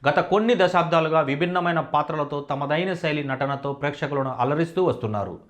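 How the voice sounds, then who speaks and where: A man giving a scripted entertainment news voice-over in a steady, formal reading manner. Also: on the high side, brisk.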